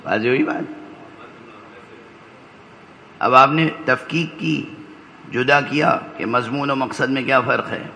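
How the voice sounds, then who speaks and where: A man's voice: mid-range voice, vocal fry, pauses often, pushed and bright, a little hiss or hum, rough recording. A man giving a religious lecture to a gathering, explaining step by step and checking in with listeners through short rhetorical questions. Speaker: religious scholar addressing a majlis.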